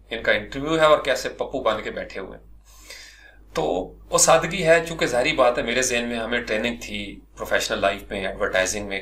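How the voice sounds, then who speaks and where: A middle-aged man from Pakistan, a freelancer, telling his own career story as a lively personal monologue, often addressing his listeners politely. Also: lowish voice.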